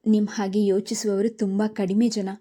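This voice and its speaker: Woman narrator playing a direct, cheerful lady doctor, dark mellow voice, storybook. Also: medium pitch, level tone, normal speed, lightly acted. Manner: warm, direct.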